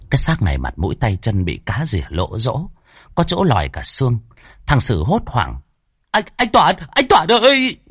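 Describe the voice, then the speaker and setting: Husky male ghost-story narrator. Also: fairly low pitch, dry recording, studio quality. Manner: dramatic, varied delivery with tense pauses.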